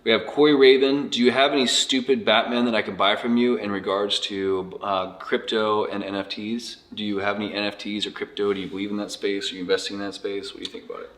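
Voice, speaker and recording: A man hosting a casual interview, reading out viewer questions in a quick, loose manner. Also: lowish voice, steady tone, a bit bright. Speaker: interviewer and channel host.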